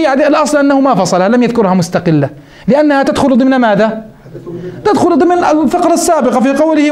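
Fast high-voiced sheikh in echoey room. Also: male voice, a little mellow. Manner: quotes the text then explains, asks rhetorical questions. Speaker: sheikh teaching Islamic jurisprudence. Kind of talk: religious lesson explaining a text.

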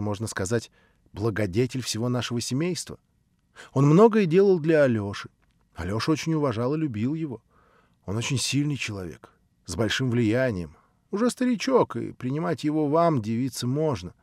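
A scheming aristocratic prince in a storybook, smooth and condescending, coaxing with polished words, as a man reads him. The voice sits at a middling pitch. It is dry and close to the mic. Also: darkish tone, no room sound, close to an everyday voice. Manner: smooth, ingratiating, then sneering.

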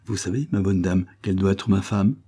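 Male reader plays a boastful, impudent boy lord; husky, dark. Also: low-pitched, fairly even intonation, brisk. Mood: brash. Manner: brash, boastful. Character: cocky boy viscount, brash and indignant.

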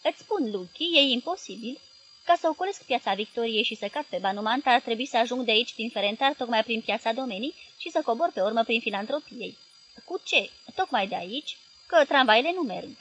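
A woman's voice: on the high side, lively intonation, fairly bright tone, slightly rough, muffled recording. A woman reading the part of a nervous male doctor who hesitates and complains. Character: nervous man, a doctor, making excuses.

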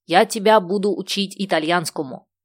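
A woman's voice: lowish voice, normal speed, no room sound, studio quality, natural voice. A woman voicing a cheerful adult man with a slight Italian accent who likes jokey sayings. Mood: playful. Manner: playful, fond of jokey sayings. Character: cheerful foreign-born adult man, joking.

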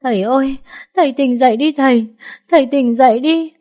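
A woman's voice: high voice, fairly even intonation, normal speed, darkish tone, pitched above the performer's own voice, lightly acted. A woman doing a sobbing little girl. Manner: tearful, pleading. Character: little girl crying for her dead father.

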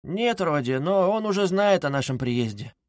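A man's voice: on the high side, lively intonation, normal speed, dry recording, studio quality, voice pushed up, natural voice. A man voicing an anxious middle-aged mother, pleading and timid. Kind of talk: audiobook character reading.

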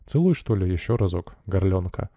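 A man reading as a cocky young mill worker, low and dark. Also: animated, normal speed, no room sound, clean studio sound. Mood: coaxing. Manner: cocky, teasing folk speech. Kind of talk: audiobook character reading.

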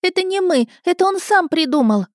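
A woman's voice: extremely high pitch, animated, brisk, no room sound, studio quality, pitched above the performer's own voice. A woman doing a whining crafty street boy. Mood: shrill protest. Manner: whining, tearful pleading.

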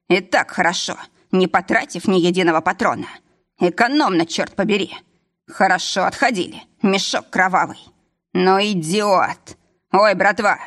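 A woman's voice: medium pitch, a bit bright. A woman reading an audiobook and voicing a callous male thug who speaks with a crude, mocking drawl.

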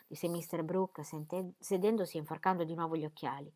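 A woman reading a classic novel aloud in a steady, measured way. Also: low voice. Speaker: audiobook reader.

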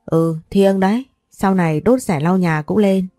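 A woman's voice: mid-range voice, measured pace, mellow, no room sound, studio quality, faint music behind, natural voice. A woman voicing a jealous, possessive wealthy older man who scolds and pleads.

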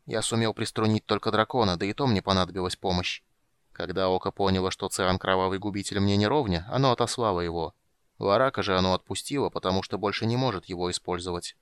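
A cold, curt young mage, as a male reader puts him on, frail and terse. His voice sits low and the sound is dry and close. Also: quick pace, clear, resonant tone, no room sound.

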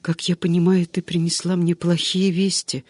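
A man's voice: high-pitched, completely flat delivery, moderate pace, darkish tone, dry recording. A man voicing an anxious young noblewoman who pleads for news in a faltering way.

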